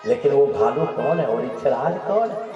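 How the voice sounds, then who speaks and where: A man's voice: mid-range voice, sing-song, normal speed. A man preaching a devotional story sermon, emphatic, calling out chants for the crowd to answer. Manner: emphatic, leads the crowd in call-and-response chants. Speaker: katha preacher. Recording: echoey, distant, dull live sound with music and crowd.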